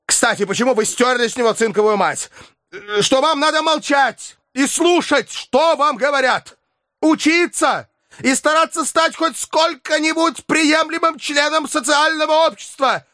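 A pompous older professor thunders through lecturing tirades, as a man puts him on for a storybook reading. The voice sits very high and swings wildly, with a dry, close sound. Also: sing-song, measured pace, a bit bright, no room sound, exaggerated voice. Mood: furious.

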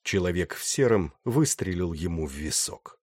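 A man narrating a novel with steady, dramatic storytelling. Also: low voice, normal speed, breathy edge, no room sound, clean studio sound. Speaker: audiobook narrator. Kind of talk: scripted narration.

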